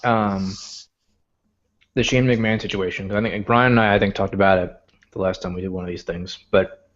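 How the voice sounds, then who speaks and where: A man's voice: sits low, fairly even intonation, brisk, a bit bright, muffled recording. A man co-hosting a podcast in casual chat, hesitant and full of fillers. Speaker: podcast co-host.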